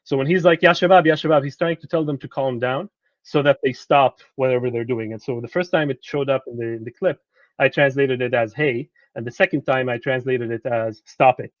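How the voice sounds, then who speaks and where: A man's voice: mid-range voice, steady tone, a little fast, dry recording. Casual man lecturing, dry dull audio. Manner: conversational, repeats words while searching for them. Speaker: translator giving a presentation. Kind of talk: lecture to students.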